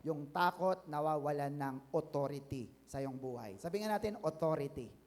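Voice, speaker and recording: High-voiced Filipino pastor preaching in a hall. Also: male voice, normal speed. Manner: mixes English into preaching, calls for amens, builds to loud declarations. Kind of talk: sermon.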